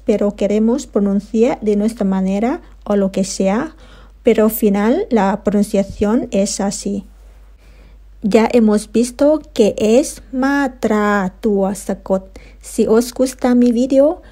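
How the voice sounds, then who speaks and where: A Thai woman teaches in careful, non-native phrasing with a noticeable Thai accent. Her voice sits a little high and sounds soft and mellow. She speaks very slowly and repeats words so learners can follow. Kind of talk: slow explanatory lesson.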